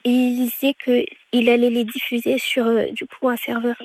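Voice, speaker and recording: A woman's voice: fairly high pitch, little pitch movement, darkish tone. A teenage girl giving testimony on a helpline call, her voice altered by an AI voice changer for anonymity, speaking hesitantly with many fillers. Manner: hesitant, halting, with frequent fillers. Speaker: young caller to a child helpline. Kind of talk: recorded phone testimony.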